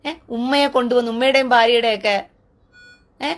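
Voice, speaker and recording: A woman's voice: a little high, steady tone. Woman in a taunting, mocking rant. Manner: taunting, mocking sing-song, drawn-out repeated jeers. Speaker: online political commentator.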